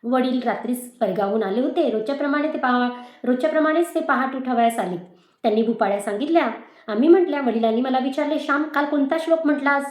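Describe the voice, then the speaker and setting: A woman teacher telling a moral story aloud in a measured, expressive way. Her voice sits on the high side and carries through an echoey room. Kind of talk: storytelling reading.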